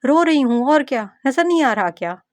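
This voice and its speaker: A woman voicing a stubborn, bratty ten-year-old girl with a shrill, whiny, demanding voice. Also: lively intonation, normal speed, darkish tone, dry recording. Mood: bratty whining.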